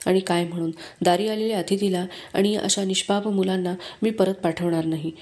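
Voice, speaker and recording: A woman's voice: mid-range voice, steady tone, brisk, darkish tone, close to an everyday voice. A woman voicing a kind, childless housewife who speaks earnestly and tenderly.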